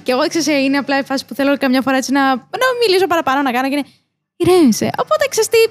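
A woman telling a funny story as a podcast guest, in a playful, animated way. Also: sits high. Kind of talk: casual chat, storytelling. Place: outdoors in city streets.

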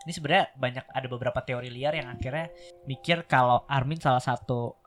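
A man hosting a casual podcast chat, loud, laughing and swearing freely. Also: medium pitch, quick pace, faint music behind. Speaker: podcast host.

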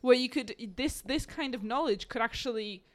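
A woman in her twenties from Slovakia chatting casually, animated and excitable, laughing often. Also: on the high side, moderate pace. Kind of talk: casual chat.

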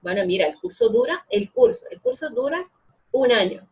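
Young woman, interview guest, husky, chatty, filler-heavy. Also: fairly high pitch, normal speed. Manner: chatty, animated, many fillers. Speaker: guest, English course co-founder. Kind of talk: casual interview answers.

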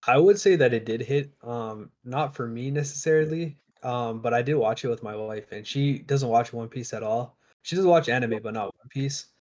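Regular-pitched guy on a podcast, kinda hesitant, ums a lot. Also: a little mellow. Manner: measured and hesitant, many "um"s. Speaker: podcast guest. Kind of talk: casual podcast chat.

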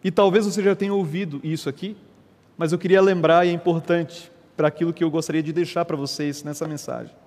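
A man preaching a sermon as a pastor, telling stories in a lively, conversational way. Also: a little high, fast talker, in a large hall. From Brazil. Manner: animated, conversational preaching with storytelling.

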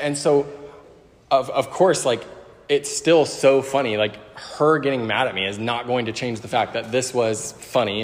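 Young preacher in an echoing hall. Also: male voice, medium pitch. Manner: casual, many fillers, laughs at own story. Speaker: youth preacher. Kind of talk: sermon with storytelling. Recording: long hall reverb.

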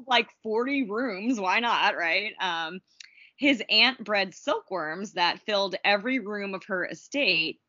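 A woman's voice: medium pitch, expressive, slow, pushed and bright, no echo, lo-fi sound. A woman co-hosting a podcast in casual chat, reading history notes with lots of ums and giggles. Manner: chatty and giggly, reads notes with many ums. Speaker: podcast co-host.

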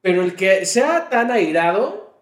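Man, Mexican Spanish accent, high voice, crude joking podcast banter. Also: sing-song, measured pace. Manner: crude joking, playful tangents. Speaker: podcast co-host. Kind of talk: casual chat. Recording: echoey room.

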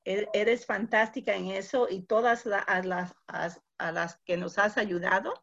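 An English-speaking woman in Spanish, chatting in a halting way as she searches for words. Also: mid-range voice, fairly even intonation, vocal fry, fairly bright tone, lo-fi sound. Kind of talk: casual conversational interview.

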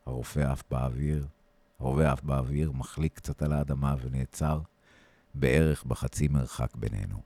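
A man reading a short story aloud on a podcast, with shifting intensity and a raised voice for the shouted lines. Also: a bass voice, fairly even intonation, dry recording.

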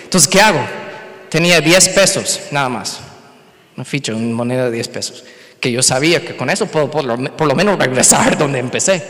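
A man preaching a sermon and telling a lively personal story, slipping words in among his phrases. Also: a little high, big-room sound. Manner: animated storytelling, mixing in English words. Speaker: pastor.

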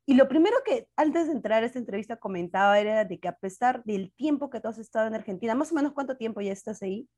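A woman's voice: on the high side, animated, quick pace, few pauses, darkish tone. Woman hosting an interview. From Peru. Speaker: show host.

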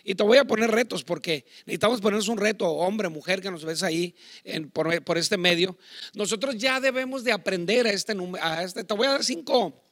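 A middle-aged Mexican man preaching in a high, bright voice. He talks loud and chatty, wandering into asides, and the sound is dry and close. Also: fairly quick, no room sound. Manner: loud, self-admittedly talks shouting. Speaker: pastor. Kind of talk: sermon on marriage to online viewers.

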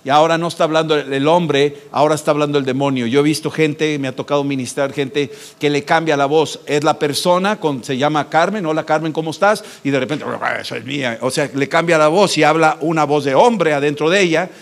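A male pastor preaching a sermon, swinging between loud emphatic declarations and soft, hushed reassurances. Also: fairly high pitch, fairly even intonation, fairly quick, hardly any pauses.

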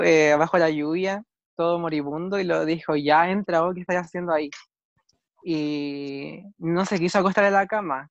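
A man's voice: a little high, creaky, no room sound, muffled recording. A young man with a Chilean accent, telling a story in casual chat among friends, and acting out the other voices as he goes. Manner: animated storyteller, acts out quoted voices.

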